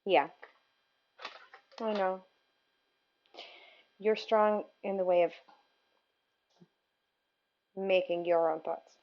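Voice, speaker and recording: A woman's voice: on the low side, fairly even intonation, very slow, pauses often, lo-fi sound. A woman hosting a cooking livestream, chatting casually with viewers and answering their messages with giggles.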